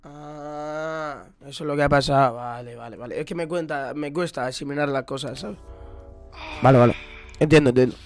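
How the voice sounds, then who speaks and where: A young man with a Spain Spanish accent, reacting loudly to gaming clips, swearing and exclaiming often. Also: fairly high pitch, normal speed, faint music behind. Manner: loud outbursts, swearing, exclamatory. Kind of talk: excited gaming commentary.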